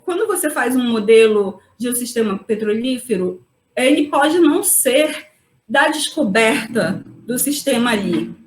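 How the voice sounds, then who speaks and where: A woman's voice: on the high side, reverberant. A woman geologist giving a webinar lecture, explaining step by step and checking in with tag questions. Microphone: video call.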